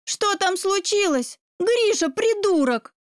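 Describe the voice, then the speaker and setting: Woman voicing a shrill young girl, high and pushy, smooth dry sound. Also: expressive, moderate pace, dry recording. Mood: frantic. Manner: high-pitched, emphatic.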